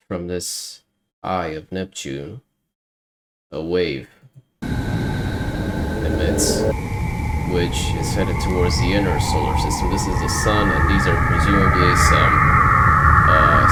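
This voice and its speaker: A deep, slightly bright male voice offers casual explanations as a video host, speaking informally as though thinking out loud. Music plays beneath his voice.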